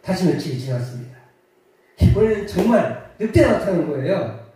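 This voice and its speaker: A man's voice: high-pitched, sing-song, normal speed, dark tone, a little hiss or hum. A male pastor preaching a sermon, telling a story with frequent hesitations. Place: church sanctuary. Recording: echoey church hall, mic at a distance.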